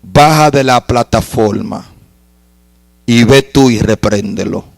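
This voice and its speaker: A man voicing God as a calm, commanding male voice, quoted softly inside his sermon story. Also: medium pitch, takes it slowly, creaky, no room sound, voice pushed down.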